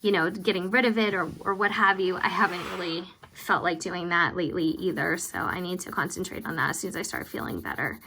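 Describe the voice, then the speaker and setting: Bright-voiced woman with vocal fry endings. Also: lowish voice, a little fast, few pauses, a little hiss or hum, poor audio. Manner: rambling, self-deprecating, informal. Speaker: planner vlogger hosting budget updates. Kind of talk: casual chatty voice-over commentary while working.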